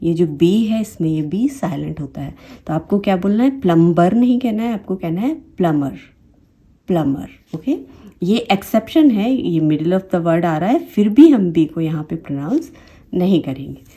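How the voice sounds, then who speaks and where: A woman teaches English phonics with an Indian English accent. Her voice is somewhat low and mellow, and the talk is patient and explanatory. She says each example word twice, slowly and clearly. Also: animated. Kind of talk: phonics lesson.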